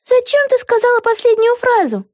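Brief: earnest young witch girl, very high and lively, read by a woman. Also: fairly quick, no echo, clean studio sound.

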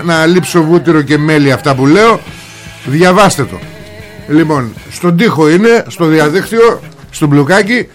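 Male talk-radio host, high voice, mocking and combative political rant, faint music underneath. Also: a bit bright. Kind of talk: political commentary monologue.

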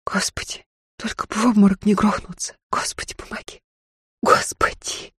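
A woman's voice: mid-range voice, big pitch swings, moderate pace, warm tone, breathy edge, dry recording, studio quality, pitched above the performer's own voice. A woman voicing a proud but frightened young noblewoman, speaking coldly or pleading in panic. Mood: whispered despair. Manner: cold, then pleading and panicked.

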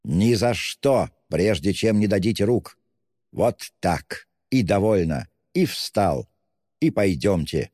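Drunk, effusive young man voiced by a male reader, raised, shouting storybook voice, long reverb. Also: on the low side, expressive, takes it slowly, clean studio sound. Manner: shouting, effusive, self-abasing. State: tipsy. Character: drunk, excitable young man, loud and gushing.

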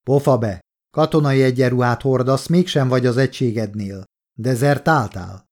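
A rough, scornful partisan commander in an audiobook barks blunt orders and sneers at the people in front of him, read by a man at a mid-range pitch. The voice stays close to an everyday man's, with a commanding bite. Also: darkish tone, natural voice. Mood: gruff, mocking.

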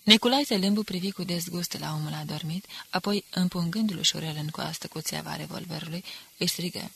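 Husky woman narrating a novel. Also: fairly low pitch, a bit bright, dry recording. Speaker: audiobook reader.

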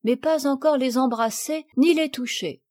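A woman reading aloud and voicing a gentle, careful noble mother who gives soft, measured instructions. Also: high-pitched, dry recording, lightly acted.

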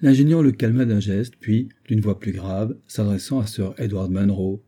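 A man's voice: normal speed, warm tone, slightly rough. A man narrating an audiobook in an understated, scripted reading style. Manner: low, understated dialogue tags.

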